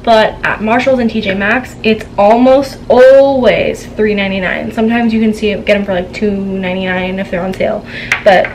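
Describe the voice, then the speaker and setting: A young woman vlogger speaks at medium pitch and a moderate pace, with fairly even intonation, in a casual haul chat. She's seated indoors at home facing a tripod camera, the room noisy, and her storytelling is chatty, giggly, and gossipy.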